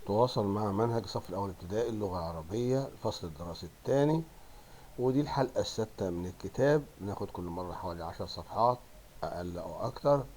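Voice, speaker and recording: A male teacher with an Egyptian accent giving a primary school Arabic lesson, drawing out words slowly and praising pupils. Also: lowish voice, lively intonation, darkish tone, a little hiss or hum. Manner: coaxing, drawn-out word modeling with praise.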